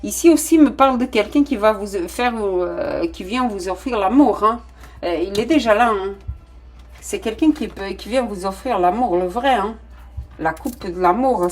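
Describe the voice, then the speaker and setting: A woman's voice: mid-range voice, normal speed. Woman, tarot reader, casual reading, hesitant delivery, non-native accent. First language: not French. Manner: hesitant, many fillers and restarts, addresses viewers directly.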